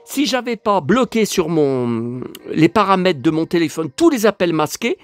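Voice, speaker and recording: A man talks straight to his viewers in a casual home vlog, rambling and indignant, tripping over fillers and restarts. His voice sits high and leaps around a lot. The sound is close and dry, with no room echo. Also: big pitch swings, normal speed. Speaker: YouTuber.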